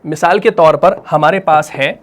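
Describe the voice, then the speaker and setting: A man teaching tajweed in Urdu with a Pakistani accent, explaining the rules patiently, repeating them often and stretching out sounds to model recitation. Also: fairly high pitch. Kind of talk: tajweed lesson.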